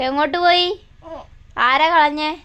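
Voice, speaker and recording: A woman's voice: sits high, fairly even intonation, unhurried, bright, forceful tone, dull audio. A young mother filming a family vlog, coaxing her toddler in sing-song baby talk.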